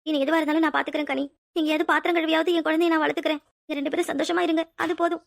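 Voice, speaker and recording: A woman's voice: extremely high pitch, steady tone, rapid-fire, no room sound, studio quality. A woman voicing a heartbroken, abandoned pregnant young woman in a cartoon drama. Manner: pleading, tearful. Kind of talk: cartoon voice acting.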